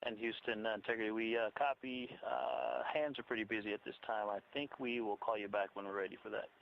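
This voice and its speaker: A man, an astronaut, giving brisk, busy replies over a muffled air-to-ground radio link from a spacecraft. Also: lowish voice, steady tone, vocal fry. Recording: muffled radio with faint hiss.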